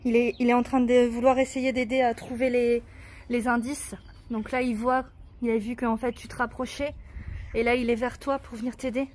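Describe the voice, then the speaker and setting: A woman guiding a child through a garden treasure hunt, patient and encouraging, spelling words out slowly letter by letter. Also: a little high, level tone, darkish tone, a little hiss or hum. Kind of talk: casual family video chat. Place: outdoors in a garden.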